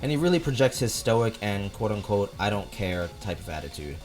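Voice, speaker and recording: Young guy, lowish voice, scripted fan video commentary, music behind. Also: very animated, brisk, darkish tone. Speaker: video essay host.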